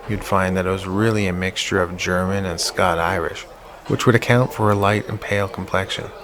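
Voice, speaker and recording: A man tells a psychological horror story in a measured, unhurried way. His voice sits low and gravelly. A crowd murmurs behind him. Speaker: audiobook narrator. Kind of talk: scripted horror audiobook narration.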